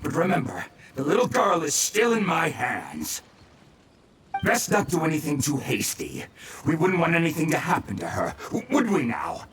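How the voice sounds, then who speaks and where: High-voiced menacing bandit thug, slow, swooping, shouty, set back from the mic. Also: male voice, huge pitch swings, echoey room, far from the mic, slight background noise. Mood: gloating. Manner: threatening, shouting and mocking. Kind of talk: game voice acting.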